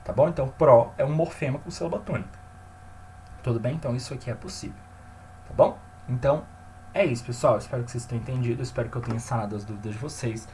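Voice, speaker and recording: A man teaching a grammar lesson, often checking in with his listeners and slowing down to stress key terms. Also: mid-range voice, dark tone, a little hiss or hum.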